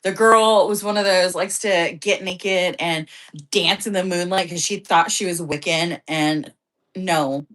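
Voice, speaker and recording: A woman's voice: fairly low pitch, fairly even intonation, measured pace, fairly bright tone. Woman rambling on her live stream, swearing a lot, gossipy and loose. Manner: chatty, profane, rambling gossip. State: hiccups. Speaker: streamer host. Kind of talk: casual live-stream chat.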